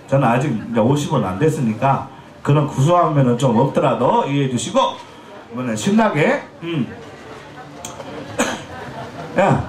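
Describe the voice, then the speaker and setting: Jeolla guy in his 40s doing pumba comedy at a festival, joking with the crowd, throat a bit scratchy, high lively voice through echoey PA. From Jeolla, Korea. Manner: joking, teasing, chatty with the audience. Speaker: pumba street performer. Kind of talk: comic stage banter with the crowd. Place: outdoor festival stage.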